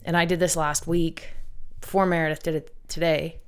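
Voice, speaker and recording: A woman's voice: deep voice, little pitch movement, moderate pace, smooth. A woman co-hosting a podcast in casual conversation, talking through a workout and then interviewing her co-host. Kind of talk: casual chat.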